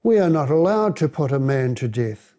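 A man's voice: on the high side, very animated, normal speed, dark tone. A man voicing an angry, accusing crowd of men in a scripture reading. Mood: insistent.

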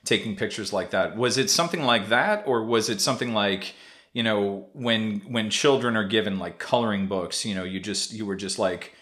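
A man's voice: fairly low pitch, moderate pace, fairly bright tone. A man hosting a casual podcast interview, rambling through his questions with many restarts and easy laughter. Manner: rambling, full of fillers and restarts, laughs easily. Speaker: podcast host.

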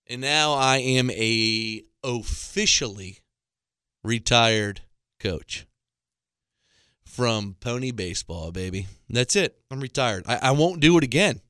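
A man's voice: mid-range voice, takes it slowly, sharp tone, clear, resonant tone, no echo, clean studio sound. A man in his thirties telling a rambling, exasperated comic story into a microphone, with self-mocking asides. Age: 30s. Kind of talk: comedic monologue. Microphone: studio microphone.

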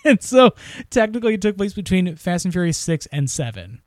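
A man co-hosts a podcast in loose, casual chat, joking and swearing as he goes. His voice sits a little high, and the sound is dry and close with no room around it. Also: sing-song, a little fast, dry recording. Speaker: podcast co-host.

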